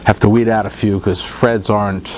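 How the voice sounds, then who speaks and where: Brief: middle-aged male co-host, lowish voice, animated rambling storyteller, lapel mic, steady hiss of background noise. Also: moderate pace, poor audio. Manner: rambling, animated, many fillers and restarts. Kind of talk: casual storytelling chat. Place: indoor studio room with guitars on the wall. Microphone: lapel mic with headphones.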